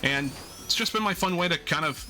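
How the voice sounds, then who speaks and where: A man's voice: a little high, a little fast, pushed and bright, faint music behind. A man hosting a livestream in casual gaming chat, rambling and often interrupting himself as he gets sidetracked. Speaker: livestream host.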